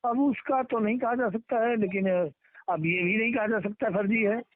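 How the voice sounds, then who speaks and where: A middle-aged union leader with a high voice talks at a moderate pace in an informal phone conversation, emphatically repeating words and phrases. The call is muffled, recorded through a telephone, and dry.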